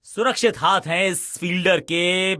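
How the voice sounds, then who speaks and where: A man delivers excited cricket commentary in a high, forceful voice. His phrasing is dramatic and flowery, full of exclamations, with a bright edge that cuts through. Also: unhurried, dry recording, studio quality.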